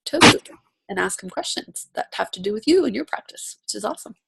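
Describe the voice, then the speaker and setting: A woman's voice: mid-range voice, big pitch swings, quick pace, vocal fry, very noisy. A woman from Romania hosting an online coaching session over a video call, upbeat and chatty as she greets each guest by name. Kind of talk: casual video-call welcome and introduction.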